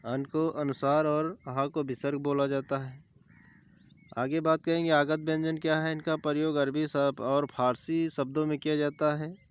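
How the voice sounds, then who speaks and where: Male tutor, exam-prep grammar class, clear smooth voice, repeats terms and lists examples. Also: fairly high pitch, little pitch movement, normal speed. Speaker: teacher.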